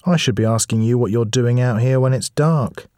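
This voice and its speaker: A man's voice: mid-range voice, moderate pace, mellow, dry recording, studio quality, pitched above the performer's own voice, natural voice. A man voicing a sinister old woman in a cloak who scolds and threatens children. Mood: menacing. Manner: menacing, scolding.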